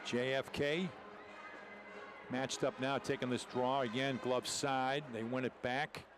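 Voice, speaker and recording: Over the crowd noise and rink ambience of a noisy arena broadcast, a man calls live hockey action as a commentator. He describes the play in brief, clipped phrases, speaking slowly in a level, medium-pitched voice.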